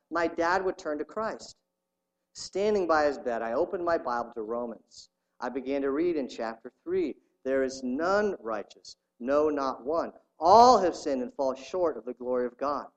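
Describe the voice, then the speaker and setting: Pastor, male, earnest sermon delivery, a bit high-pitched, lo-fi sound. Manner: reads a story aloud with rising intensity, earnest.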